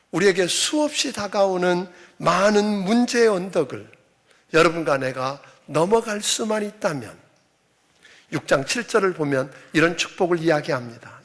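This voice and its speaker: A man's voice: a little high, expressive, moderate pace, fairly bright tone. A middle-aged man preaching a sermon as senior pastor, emphatic, often acting out quoted voices.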